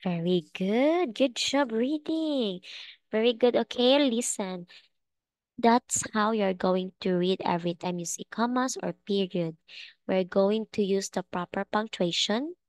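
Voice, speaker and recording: A woman's voice: medium pitch, a little slow, clean tone. A woman teaching an online English class, speaking patiently and checking often that her students understand.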